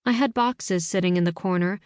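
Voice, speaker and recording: A woman reading first-person scripted narration for an audiobook in a measured storytelling manner, in a studio. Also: on the low side, a little mellow, clear, resonant tone, no room sound.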